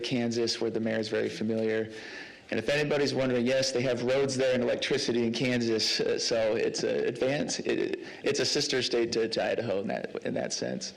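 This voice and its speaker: Man, new city attorney, gravelly voice, even delivery, friendly and a little jokey. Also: mid-range voice, poor audio. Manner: friendly, lightly joking, frequent ums. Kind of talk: introductory remarks at a council meeting.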